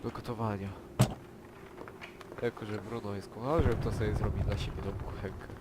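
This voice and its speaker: A man's voice: fairly low pitch, fairly even intonation, moderate pace, heavy background noise. A man with a stuffed-up, nasal voice from a cold, casually thinking aloud as he commentates a video game. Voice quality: nasal, congested, stuffed-nose sound. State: sick with a cold. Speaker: let's play host. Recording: loud game music behind the voice. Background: loud game music.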